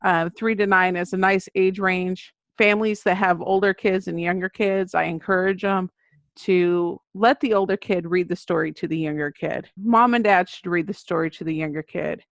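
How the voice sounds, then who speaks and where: On a podcast, this American woman, a children's book author, speaks earnestly and conversationally as the guest. She sits on the low side with fairly even intonation, moderate pace, and vocal fry, in a dry but muffled, dull lo-fi recording.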